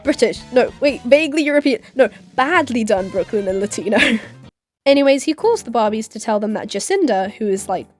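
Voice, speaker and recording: A young woman in her twenties talks through a film recap in a rambling, sarcastic style and throws in giggly asides. Her voice sits a little high, and faint music plays under her. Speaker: YouTube commentator. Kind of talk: casual commentary vlog.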